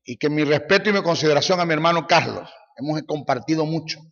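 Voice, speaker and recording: A man preaching a sermon as a Bible teacher, forceful and mocking, hammering his points through repetition, in an echoey hall on a dull, lo-fi recording. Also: a little high, quick pace, vocal fry.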